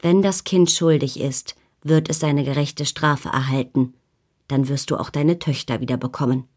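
Woman reader as scheming male village leader, low voice, menacing, mocking, audiobook. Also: fairly even intonation, moderate pace, darkish tone. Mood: commanding. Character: scheming, domineering man leading a village. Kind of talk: audiobook character voice.

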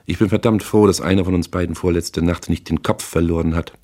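A cool, sharp-tongued wealthy woman speaks in a clipped, cold way in an audiobook, as a man puts her on. Her voice stays very deep and reproachful. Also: fairly even intonation, brisk. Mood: irritated.

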